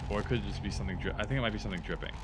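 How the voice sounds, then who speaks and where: Laid-back young man, low voice. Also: racing. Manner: joking, laid-back banter. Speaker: co-host. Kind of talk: casual gameplay banter. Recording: faint background noise.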